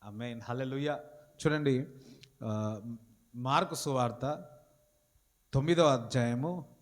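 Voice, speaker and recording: A man's voice: medium pitch, slow pace. A male pastor preaching a sermon, exhorting the congregation and calling for responses. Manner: exhorting, calls for responses, switches into English phrases. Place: church hall. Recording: long hall reverb.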